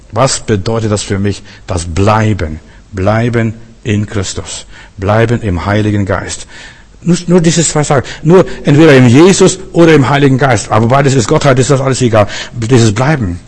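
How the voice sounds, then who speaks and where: A man delivers a fervent sermon, circling back to the same phrases again and again. His voice is husky and a little breathy. It rings out with a long reverb, as if in a large hall. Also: medium pitch. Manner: fervent, repetitive preaching with frequent rhetorical questions. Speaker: preacher.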